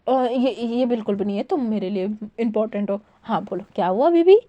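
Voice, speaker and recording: A hesitant young man who trips over his words, afraid to say no, voiced by a woman narrator. The tone is mellow and dry-close, with a slightly raised pitch. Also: brisk, dry recording, muffled recording, close to an everyday voice. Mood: nervous. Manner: hesitant, stammering. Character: nervous, hesitant young husband.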